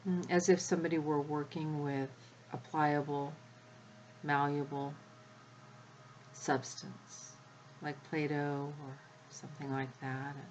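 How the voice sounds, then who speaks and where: A woman leading a guided spiritual energy activation as the guide, speaking in a measured way with long pauses between short phrases. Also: low-pitched, darkish tone, a little hiss or hum, rough recording.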